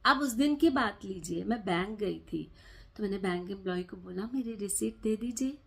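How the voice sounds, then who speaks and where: A woman's voice: medium pitch, moderate pace, creaky, fairly bright tone, slightly rough. A woman with an Indian English accent, teaching English pronunciation through playful, mock-exasperated stories. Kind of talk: comic storytelling lesson.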